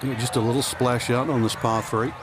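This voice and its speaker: A man's voice: medium pitch, level tone, brisk, noisy background, natural voice. A man giving conversational golf commentary as the analyst in a sports video game.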